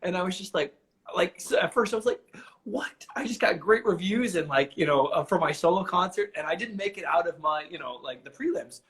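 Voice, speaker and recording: Bright-voiced host, earnest and eager. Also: male voice, high voice, lively intonation, brisk. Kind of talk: casual chat. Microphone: live video chat.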